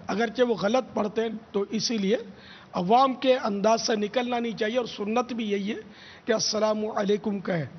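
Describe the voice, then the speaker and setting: Brief: male religious teacher, high gravelly voice, patient lecturing, lo-fi dull broadcast sound. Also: in a large hall. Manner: drills pronunciation with slow drawn-out repetitions. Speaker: religious scholar answering questions. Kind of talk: religious question-and-answer teaching. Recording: dull lo-fi broadcast audio with faint hiss.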